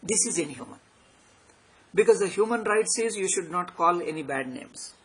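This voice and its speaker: A man's voice: sits high, animated, normal speed, a bit bright, a little hiss or hum. A man with a South Indian accent giving an extempore philosophy lecture as a spiritual teacher, speaking emphatically and repeating phrases to drive points home.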